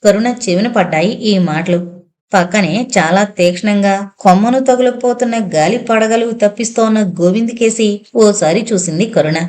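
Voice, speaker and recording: A woman narrating a novel aloud with steady storytelling. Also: medium pitch, normal speed. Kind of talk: scripted narration.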